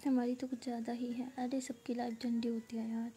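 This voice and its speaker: A woman casually chatting on a phone live stream, reading viewer comments aloud in a soft, half-whispered, playful way. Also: a little high, flat delivery, fairly quick, slight background noise.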